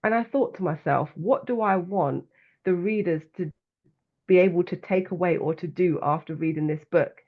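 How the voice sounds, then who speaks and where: A woman's voice: fairly low pitch, moderate pace, narrow, tinny audio. A woman with a London accent, a guest author and coach, speaking earnestly and reflectively in a conversational interview. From London, England.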